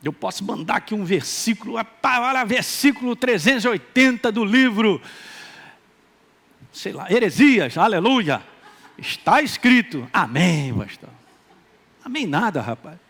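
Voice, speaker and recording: A man preaching a sermon as a pastor, with a Minas Gerais Brazilian accent, animated and joking, calling out for responses from the congregation. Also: high-pitched, measured pace, long pauses, breathy edge. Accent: Minas Gerais Brazilian Portuguese.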